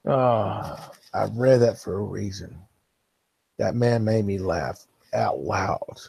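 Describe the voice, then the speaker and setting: A man's voice: on the low side, slow pace, creaky, warm tone, slightly rough, no echo. A man hosting a casual live stream, talking straight to the viewers who watch the replay and reading chat comments aloud to them. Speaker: livestream host.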